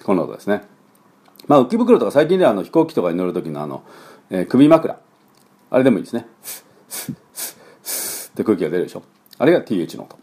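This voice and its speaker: A man teaching English pronunciation in a relaxed, chatty way with many fillers, coaching learners to repeat after him. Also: fairly low pitch, husky. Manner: coaching learners to repeat, demonstrating sounds slowly. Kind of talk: pronunciation lesson.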